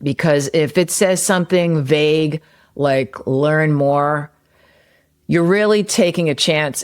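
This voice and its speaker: A woman's voice: sits low, darkish tone. A woman hosting a solo podcast, explaining marketing ideas in a conversational way with everyday examples. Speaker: podcast host and copywriter; former personal trainer.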